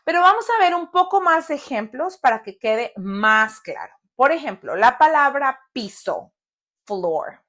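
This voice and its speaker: A woman's voice: high-pitched, sing-song, unhurried, a bit bright. A woman a bilingual lesson, patient, repeating words and asking the learner questions. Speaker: Spanish teacher.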